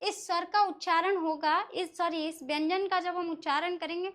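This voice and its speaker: High, bright-voiced woman teaching slowly. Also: fairly even intonation. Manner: explains step by step, asks questions and answers them herself. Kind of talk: classroom lesson explaining Sanskrit pronunciation.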